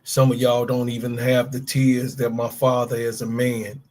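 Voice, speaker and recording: In a mid-range, darkish voice delivered completely flat at normal speed, a man in his fifties rants heatedly as co-host of a sports talk podcast. He's profane and emphatic, naming players as he calls them out.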